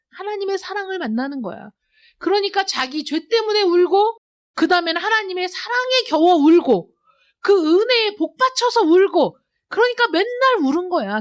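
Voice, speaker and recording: High, animated woman preaching a sermon. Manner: emphatic, rhetorical questions, swings between loud urging and quiet. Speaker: pastor. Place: church sanctuary.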